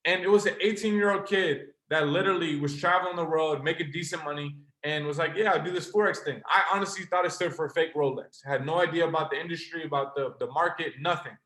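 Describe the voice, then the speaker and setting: A young adult man, a trading mentor, gives an earnest, passionate motivational sales pitch to a live online call, speaking straight to his listeners. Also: quick pace, hardly any pauses, a bit bright. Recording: roomy echo.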